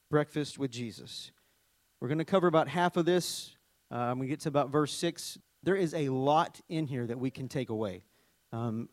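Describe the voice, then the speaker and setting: In a dry recording, a middle-aged Southern-accented man from Arkansas speaks at medium pitch. He's a worship leader giving a conversational sermon with scripture reading, chatty and animated, telling stories and cracking jokes along the way.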